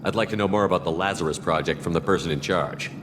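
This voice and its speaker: An actor voicing a steady male commander in a video game, asking direct questions. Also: low voice, fast, close to an everyday voice. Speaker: player character. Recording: game audio with long reverb and clear hiss.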